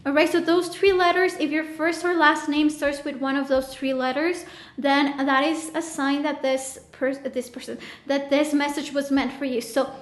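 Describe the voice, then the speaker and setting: Speaking straight to the viewer in a loose, chatty way, a tarot reader does a casual reading in a roomy-sounding space. Her high voice holds a steady tone at normal speed, though it comes across as slightly strained and off.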